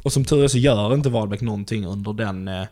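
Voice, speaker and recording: A male stand-up comedian telling a casual podcast story, lively and acting out the people he quotes. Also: fairly low pitch.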